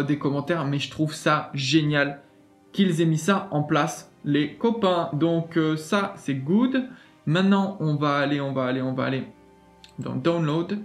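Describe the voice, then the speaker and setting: Casual gaming host, male, slightly high voice, chatty and keen, faint music underneath. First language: French. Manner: chatty, enthusiastic, many fillers and restarts. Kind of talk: casual screen walkthrough.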